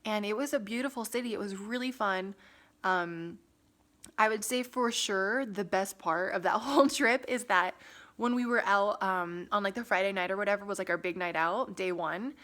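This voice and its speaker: A young woman from Las Vegas chatting casually to her camera, full of "like" and "um" and quick laughs. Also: mid-range voice, fairly bright tone. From Las Vegas, USA. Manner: chatty, lots of "like" and "um", laughs often. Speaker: vlogger. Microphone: phone camera.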